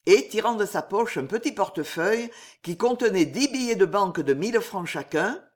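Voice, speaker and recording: A man narrating an audiobook of a classic novel in a measured, literary manner. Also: sits high, lively intonation.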